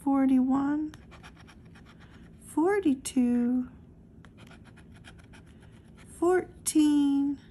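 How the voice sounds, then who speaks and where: A woman with a high, soft, mellow voice works through a stack of scratch-off tickets, reading each number aloud very slowly. She talks in an easy, casual way to the camera over her tabletop. Faint room noise sits under her voice. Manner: slow, calls out numbers one by one. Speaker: lottery scratch-off vlogger.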